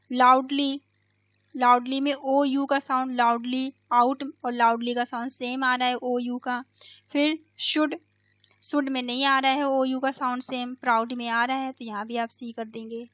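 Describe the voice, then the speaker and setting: High-voiced woman teaching slowly. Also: sharp tone, no echo, dull audio. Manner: slow explanatory, repeats words, asks and answers own questions. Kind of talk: bilingual classroom lesson.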